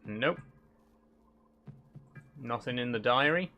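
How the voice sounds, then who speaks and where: Bright-voiced man streaming a horror game. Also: mid-range voice, lively intonation, takes it slowly. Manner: puzzling things out in short questions and answers to himself. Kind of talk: casual live horror game commentary, thinking aloud.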